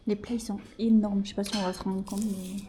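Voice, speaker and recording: A woman's voice: mid-range voice, level tone, fast talker, noisy background. A woman chatting casually to camera as a travel vlogger. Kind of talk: casual vlog chat.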